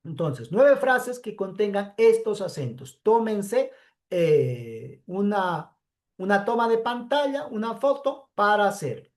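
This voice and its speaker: A woman teacher with a medium-pitched, slightly mellow voice and lively intonation gives a pre-recorded class lecture. She explains things slowly and step by step, frequently checking on students with "¿sí?".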